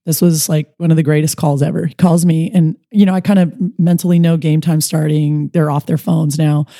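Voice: medium pitch, brisk, no room sound, clean studio sound. A mental performance coach for baseball players, telling stories earnestly in a casual podcast conversation. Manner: earnest, storytelling, animated retelling with quoted dialogue.

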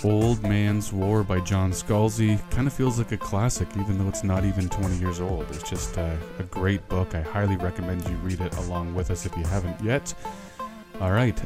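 A man wraps up a podcast episode with a scripted outro. His voice is low. Loud plucked guitar music plays under him. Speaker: podcast host.

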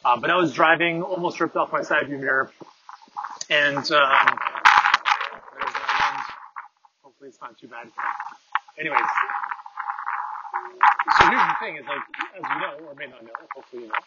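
A man's voice: fairly high pitch, normal speed, long pauses. Podcast host, man, casual and filler-heavy; tin-can earbud sound, dull and muffled. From Canada. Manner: rambling, filler-heavy, conversational. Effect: tinny, tin-can sound from earbud mic. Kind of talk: casual monologue while walking. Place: outdoors on a walk, windy. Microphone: phone with wireless earbuds. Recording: tinny muffled earbud mic, faint wind.

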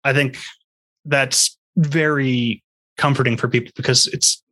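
Brief: male podcast host, easygoing, conversational, mid-pitched. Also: unhurried. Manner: relaxed, conversational, shares personal anecdotes. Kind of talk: casual interview chat and podcast outro.

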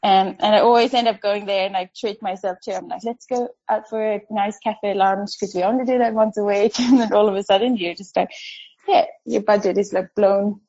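A woman's voice: mid-range voice, steady tone, a little fast, mellow, lo-fi sound. A woman from Sweden, chatting casually as a podcast guest, laughing often and saying um a lot. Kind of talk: casual interview chat.

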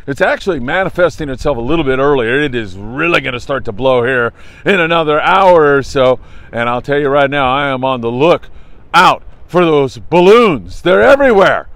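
On a windy beach, the American host of a fishing report show delivers a morning briefing outdoors, hearty, folksy, upbeat and emphatic, much like a travel show presenter. The dry recording captures his medium-pitched, fairly bright voice.

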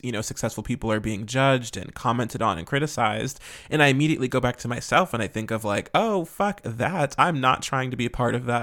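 A man's voice: medium pitch, a bit bright. Sassy, candid male podcast host. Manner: sassy, candid, slangy and sweary. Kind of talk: casual, chatty solo podcast talk.

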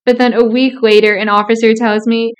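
A young woman co-hosts a casual podcast and earnestly walks through psychology ideas, with a dry, sarcastic edge at times. Her fairly high voice is smooth and clear. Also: flat delivery, a little fast. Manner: earnest, explanatory, gently sarcastic. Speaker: podcast co-host.

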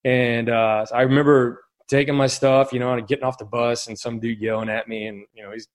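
A man's voice: mid-range voice, flat delivery, a little fast. A middle-aged man, a podcast guest, telling rambling anecdotes with frequent chuckles. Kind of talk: casual storytelling.

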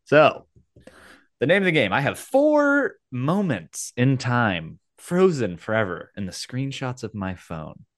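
A man hosting a casual game, explaining the rules in a playful, theatrical way with dramatic pauses. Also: mid-range voice, big pitch swings, no echo, clean studio sound. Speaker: game show host.

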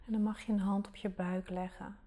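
A woman leads a guided healing meditation with a dark, relaxed voice. She speaks softly, often slipping into a breathy whisper, very close to the ear. Her manner is soothing and gently instructing. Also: medium pitch, fairly quick.

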